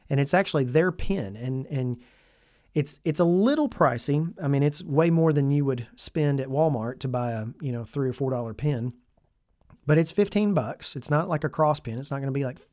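A man talks through his favorite gear in an easy, enthusiastic podcast chat, often doubling up his words. His voice sits in a middle pitch. The recording is dry and close, with no room sound. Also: darkish tone, dry recording. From Tennessee. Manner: chatty, enthusiastic, repeats himself. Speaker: podcast host, youth minister. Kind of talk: casual gear review.

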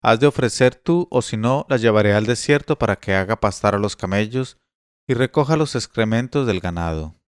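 A man voicing a coarse, stubborn Bedouin slave seller who talks loudly and bluntly in a read-aloud tale. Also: on the low side, moderate pace, clean tone, no room sound, studio quality, lightly acted. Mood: gruff, stubborn.

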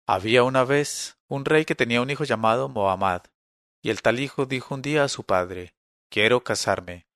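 A man reading a classic tale aloud in a calm, measured storytelling manner. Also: mid-range voice, no echo, clean studio sound. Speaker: narrator.

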